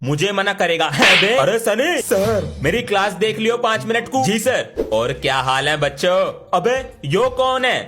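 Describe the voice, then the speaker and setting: A man's voice: sits high, animated, unhurried, bright, forceful tone. A man acting out comic school sketches, switching between bossy and whiny voices. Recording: background music under speech.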